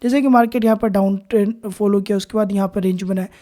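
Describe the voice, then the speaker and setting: A woman teaching a beginner trading lesson over charts, explaining step by step with frequent pauses and restarts, with terms. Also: medium pitch, steady tone, dark tone. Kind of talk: screen-recorded chart lesson.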